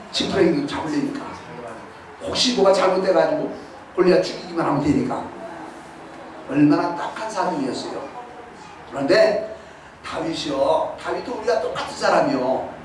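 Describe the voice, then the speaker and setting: A man's voice: a little high, animated, moderate pace, long pauses. A middle-aged man preaching a sermon, telling a story and firing questions at the congregation. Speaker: pastor. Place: church sanctuary. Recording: echoey hall, distant mic, faint hiss.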